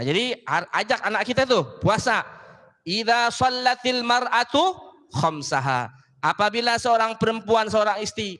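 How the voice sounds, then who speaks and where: High, bright-voiced preacher man in a hall. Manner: joking, chatty, addresses audience directly. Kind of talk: casual sermon to women's gathering. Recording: long hall reverb.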